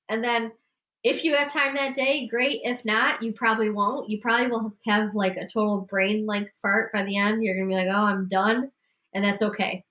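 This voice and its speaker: A woman who hosts a podcast and coaches writing gives a group casual, emphatic advice, laughing often. Her voice is congested, medium in pitch, and fairly bright.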